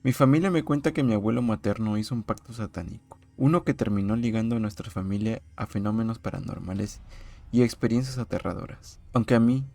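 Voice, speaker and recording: A man calmly narrating a true horror story in a measured, scripted way. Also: mid-range voice, gravelly.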